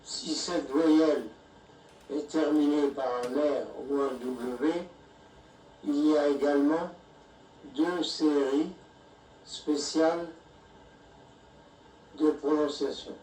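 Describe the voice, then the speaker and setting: A man narrates a language lesson at an extremely slow, deliberate pace, with a somewhat high voice. He sounds distant from the microphone in an echoey room, with faint background noise underneath. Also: fairly even intonation, warm tone. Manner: measured, deliberate, reads out punctuation. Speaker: language lecturer.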